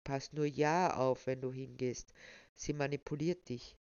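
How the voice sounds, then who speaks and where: A woman's voice: rumbling low, fairly even intonation, a little slow, a little mellow, smooth, no echo, voice pushed down. A woman reading aloud, voicing a crowd of menacing village voices that press their warnings insistently. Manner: insistent, rising, hissing warnings. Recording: slightly dull, dry sound.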